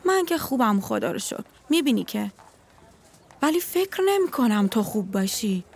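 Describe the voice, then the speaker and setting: A woman's voice: on the high side, sing-song, a little mellow, slightly rough, full character voice. A woman playing a caring young female university classmate in an audio drama, worried and probing. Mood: concerned. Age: young adult.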